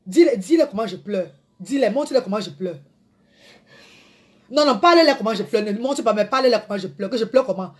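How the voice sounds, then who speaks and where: Woman, high voice, dramatic live-video ranter, mock tears and sudden hushes. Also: animated, brisk, breathy edge. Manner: theatrical, mock-crying, wide swings from loud to hushed. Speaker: social media personality. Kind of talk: live video rant to followers.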